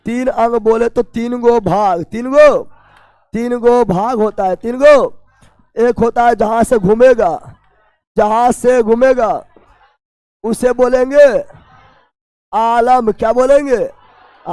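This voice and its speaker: A man's voice: extremely high pitch, no room sound. A male teacher, lecturing for exam prep, repeating key terms and quizzing his students. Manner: bursts of shouting for emphasis.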